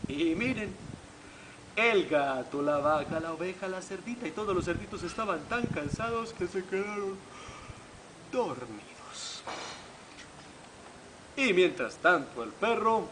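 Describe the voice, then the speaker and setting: A man reading a children's story aloud in an animated way, speaking to young listeners and imitating the animal sounds. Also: high-pitched, moderate pace. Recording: noisy home video recording.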